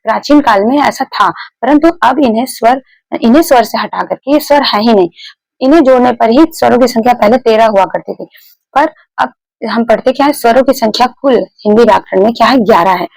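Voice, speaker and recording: Woman teaching grammar, lots of fry in her voice, goes over each point again, dead dry sound. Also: a little high, fairly quick, darkish tone, no echo, poor audio. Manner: explains step by step, repeats key points, asks the class questions. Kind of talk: classroom lecture.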